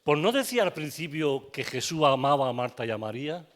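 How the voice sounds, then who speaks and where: A man's voice: a little high, expressive, a little fast. A man with a Spanish accent preaching a sermon as pastor in a church, asking his congregation questions and adding frequent amens. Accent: Spain.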